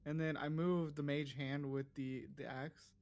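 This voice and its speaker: A man playing a tabletop game, describing his moves in casual, halting speech with repeated words. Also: a little high, little pitch movement, a little mellow.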